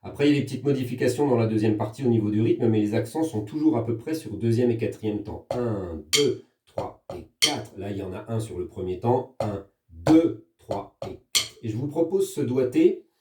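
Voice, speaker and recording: A French teacher speaks fast in a warm, mid-range voice with lively intonation, and a little hiss or hum runs underneath. He's recording a percussion lesson at home on a practice pad, counting hand patterns aloud and explaining patiently step by step. The echoey room leaves his voice sounding distant.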